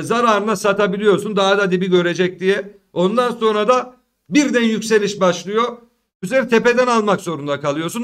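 A man's voice: sits high, a bit bright. A young man talking to his viewers about markets in an earnest, preachy way, addressing them as friends. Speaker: crypto market commentator. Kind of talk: casual talk to viewers.

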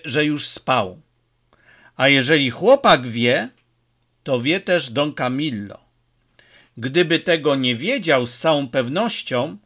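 A man's voice: on the high side, fairly bright tone. A man voicing a sullen, scheming male henchman in a storybook reading, talking grimly.

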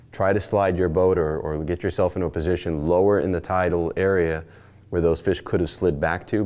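A man's voice: sits low, a little mellow. A man in his forties, a charter captain, giving a plainspoken instructional talk in short stacked phrases, recorded on a lapel mic in an indoor studio. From Northeastern United States. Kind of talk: instructional presentation. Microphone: lapel mic, framed mid-shot.

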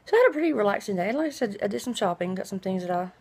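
A middle-aged woman chatting casually in a personal video diary, rambling conversationally, with drawn-out, hissing s sounds. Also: mid-range voice, animated, darkish tone, husky. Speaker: vlogger. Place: small indoor room at home.

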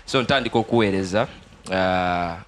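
A man's voice: deep voice, a bit bright, a little hiss or hum. A young Ugandan man with a Ugandan accent, a gospel musician giving his testimony in a TV studio interview on a handheld mic, earnest and switching between Luganda and English. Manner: earnest, fast-talking, mixes Luganda and English.

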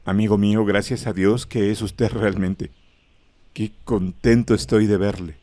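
A man's voice: fairly low pitch, fairly even intonation, measured pace, dark tone, close to an everyday voice. A man voicing a terrified male doctor who is breathless and shaken, crying out in fear.

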